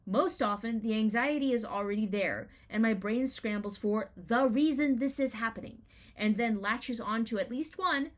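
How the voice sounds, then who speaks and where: Giving a dramatic reading of her own personal essay, a woman writer uses a slightly high voice. Her storytelling is expressive and deliberate, punctuated by emphatic rhetorical questions.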